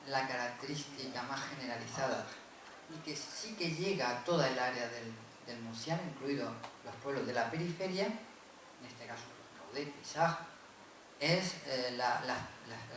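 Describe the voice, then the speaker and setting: A man delivers an academic lecture in a university room, explaining patiently and checking in with his listeners through frequent tag questions. He often stops to correct himself mid-phrase. The voice is picked up from far away in a very echoey room, with clear background noise underneath. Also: mid-range voice.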